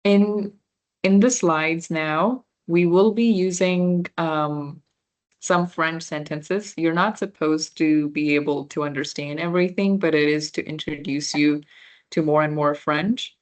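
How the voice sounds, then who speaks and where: Slow-talking young woman teaching beginner French. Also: sits low, steady tone. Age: young adult. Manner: slow, explanatory, frequent fillers and restarts. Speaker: volunteer French workshop instructor. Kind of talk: slide-based beginner language lesson.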